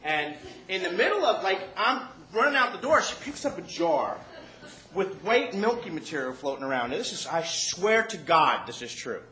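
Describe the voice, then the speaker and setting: High-voiced man telling a profane comic tale. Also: very animated, normal speed, pushed and bright, echoey room, a little hiss or hum, rough recording. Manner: profane, self-mocking, often laughing while talking. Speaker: storyteller. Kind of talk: telling a comic story to a live audience.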